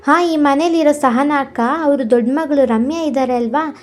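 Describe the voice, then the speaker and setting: A woman's voice: high-pitched, moderate pace, faint music behind, natural voice. A woman voicing a chatty village neighbor who passes along news in a cartoon story. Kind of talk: storybook character voice.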